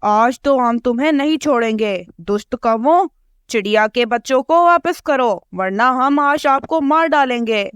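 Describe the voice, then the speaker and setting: A woman's voice: sits high, expressive, unhurried, smooth, no room sound, clean studio sound. A woman voicing a stern cartoon pigeon who threatens in a firm voice. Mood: threatening. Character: stern angry pigeon leader.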